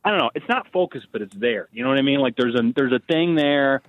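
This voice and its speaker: A man calling in on a payphone line from prison, rambling and pushing a half-baked idea like a pitchman. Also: lively intonation, fast, no echo. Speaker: caller. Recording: dull lo-fi phone line.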